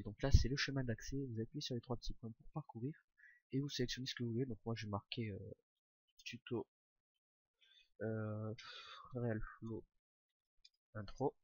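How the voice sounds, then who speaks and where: A young man talking through a casual screen-recorded software tutorial, informal and hesitant, with frequent fillers as he clicks along. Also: medium pitch, breathy edge, no room sound. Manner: hesitant, many "euh" fillers, relaxed and informal. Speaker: tutorial maker.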